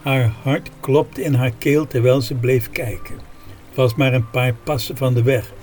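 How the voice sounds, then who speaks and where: A man reading a story aloud in a calm, measured way. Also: mid-range voice, faint music behind.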